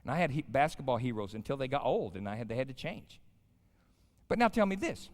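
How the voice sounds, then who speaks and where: In a mid-range, sing-song voice at a fairly quick pace, an American guest pastor in his fifties tells stories and asks his audience questions. His informal sermon has a folksy, colloquial feel. It's captured live in a big chapel with long reverb.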